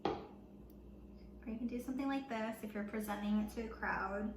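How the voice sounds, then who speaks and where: Young woman, cooking vlogger, excitable and chatty, echoey kitchen. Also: medium pitch, normal speed. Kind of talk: casual cook-along chat. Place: home kitchen. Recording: echoey kitchen with background noise.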